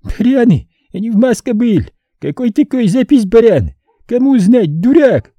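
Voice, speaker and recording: A furious wounded young avenger. He barks in broken, clipped phrases, raw and hostile. The sound is husky and dry. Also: very high-pitched, very animated, moderate pace, no echo, voice pushed up, full character voice. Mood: snarling, hostile. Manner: shouting in broken speech.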